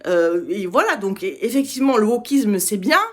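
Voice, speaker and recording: A woman giving an opinionated campaign speech, halting with many hesitations and restarts. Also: medium pitch, animated. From Italian heritage. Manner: blunt, opinionated rant. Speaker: political candidate.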